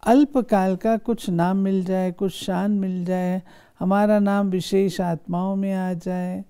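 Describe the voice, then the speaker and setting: A woman reading a spiritual discourse aloud, measured and instructive, often putting rhetorical questions to her listeners. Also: mid-range voice, fairly even intonation, warm tone, clean tone.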